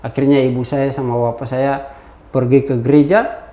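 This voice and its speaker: A man's voice: mid-range voice, moderate pace. A young man, telling his life story as an interview guest and acting out the voices of the people in it. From Ambon. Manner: animated, acts out quoted voices. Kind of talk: personal testimony storytelling. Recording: echoey room.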